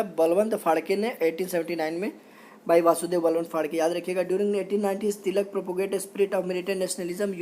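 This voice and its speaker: A male teacher giving an exam-prep history lecture, reading English notes slowly and explaining them, often quizzing with repeated questions. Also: sits high, a little mellow.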